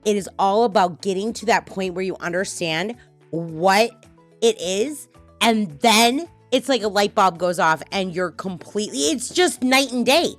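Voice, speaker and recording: A middle-aged woman hosts a podcast in a loose, chatty way, blunt and quick to swear. Her voice sits mid-range for a woman. Her stories rush and swing with energy, and soft music plays faintly behind her. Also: mid-range voice. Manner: blunt, swearing, animated storytelling. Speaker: podcast host. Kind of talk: casual podcast talk.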